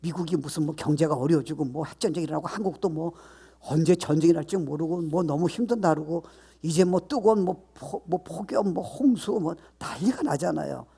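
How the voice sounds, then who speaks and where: A man's voice: on the high side, fairly quick, creaky, mellow, husky. An older man, a pastor, preaching a sermon with emphatic delivery and frequent rhetorical questions.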